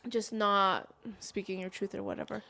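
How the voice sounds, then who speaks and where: A woman's voice: medium pitch, little pitch movement, normal speed, gravelly, bright, forceful tone. A pregnant young woman co-hosting a casual podcast, talking in a rambling, chatty way and laughing often. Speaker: podcast co-host. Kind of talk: casual chat.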